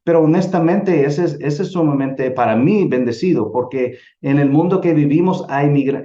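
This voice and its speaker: A middle-aged man from El Salvador giving an earnest church missions lecture, often pausing and restarting phrases. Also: on the high side, mellow. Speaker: missions teacher. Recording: roomy, dull lo-fi sound.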